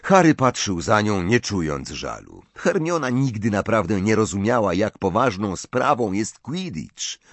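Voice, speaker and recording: Low-voiced man reading a novel. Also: unhurried, hardly any pauses, dry recording. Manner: expressive reading, plays every role himself. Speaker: audiobook narrator. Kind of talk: scripted narration.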